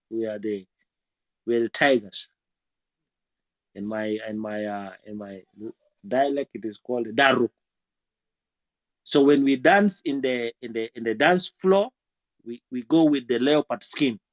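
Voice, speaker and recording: A man talks in a halting way, stumbling through restarts and fillers as he shares thoughts in a group discussion. His voice sounds muffled and slightly dull, and it is dry and close with no room sound, as if coming through a video call. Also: mid-range voice, darkish tone, dry recording. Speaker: guest speaker.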